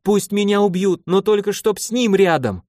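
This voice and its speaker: A man voicing a tearful, clingy young woman who pleads in a high, whiny voice. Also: moderate pace, a little mellow, dry recording, clean studio sound, close to an everyday voice. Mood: pleading. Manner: high, whiny, sobbing pleas.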